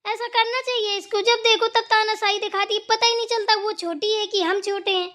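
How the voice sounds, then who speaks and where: Brief: a woman as a wronged, pious cartoon bahu, very high piping voice, a plaintive complaint. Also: steady tone, a little fast, pushed and bright. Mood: aggrieved. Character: aggrieved pious daughter-in-law, complaining. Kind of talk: Hindi cartoon voice acting.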